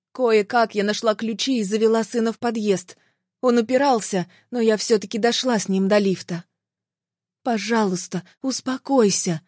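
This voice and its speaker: A woman's voice: fairly high pitch, a little mellow, no room sound, clean studio sound. Woman narrating a tense audiobook.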